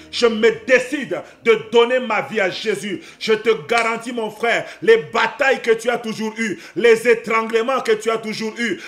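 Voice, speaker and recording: Pastor guy preaching loud, high voice, soft music under it. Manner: fervent preaching, often shouting, repeats phrases. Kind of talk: sermon.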